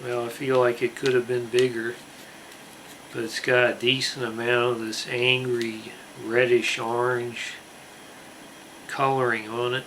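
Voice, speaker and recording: A man hosting a casual food review to camera, speaking in a deliberate, emphatic way with drawn-out words. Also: mid-range voice, little pitch movement, sharp tone, slight background noise, low-quality recording. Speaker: snack review channel host.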